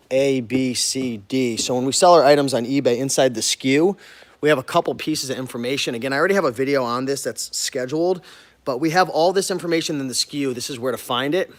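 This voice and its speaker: American guy doing a casual walkthrough vlog, medium pitched voice, talks informally right to the viewers. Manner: informal, addresses viewers directly. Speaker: online reseller and business owner hosting a warehouse tour. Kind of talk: casual walk-through vlog answering viewer questions.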